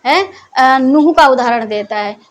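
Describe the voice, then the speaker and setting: High-voiced woman teaching the Bible. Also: expressive, measured pace. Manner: keeps posing questions to listeners, then answers them; conversational, scolding teacher tone. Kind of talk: Hindi Bible teaching talk.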